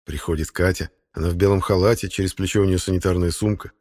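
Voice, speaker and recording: A man reading a first-person novel aloud as an audiobook narrator, in a steady, matter-of-fact storytelling manner. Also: low voice, quick pace.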